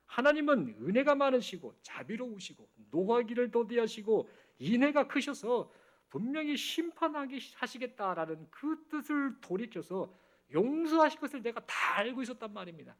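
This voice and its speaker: Brief: male preacher doing a petulant prophet, high and lively, loudly aggrieved. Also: fairly quick, few pauses. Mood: aggrieved complaining. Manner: whining, aggrieved complaints. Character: sulking complaining male prophet, resentful and petulant.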